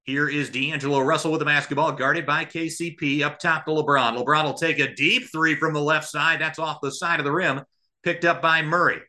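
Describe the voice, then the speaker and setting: A man calls live basketball as a radio play-by-play commentator, describing the action in a present-tense running call of short, clipped phrases and adding analysis. His voice is on the high side with a sharp tone, fairly even intonation, and a fairly quick pace.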